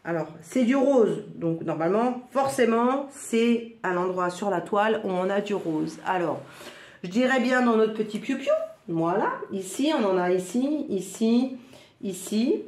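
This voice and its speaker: A woman from northern France with a northern French accent, chatting excitedly through a crafts unboxing at home, full of little exclamations. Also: mid-range voice, unhurried. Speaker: crafts vlogger. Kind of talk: casual product unboxing. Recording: roomy echo.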